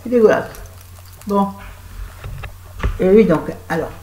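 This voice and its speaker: A woman's voice: medium pitch, expressive, takes it slowly, mellow, slight background noise. A French woman with a cold and a sore throat, chatting to her viewers in a rambling, self-mocking vlog at home. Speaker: vlogger. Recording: echoey room.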